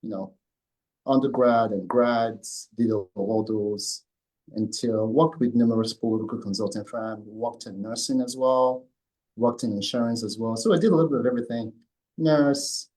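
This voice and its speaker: A man, founder of a consulting firm, answering interview questions with many pauses, fillers and restarts. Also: mid-range voice, fairly even intonation, a little mellow, low-quality recording. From Nigeria. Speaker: company founder and CEO, guest.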